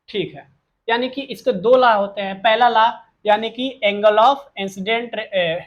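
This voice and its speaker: A man's voice: sits high, fairly bright tone, lo-fi sound. Man drilling students with self-answered questions. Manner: asks rhetorical questions and answers them himself; repeats key terms for drilling. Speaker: teacher. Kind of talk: classroom physics lesson.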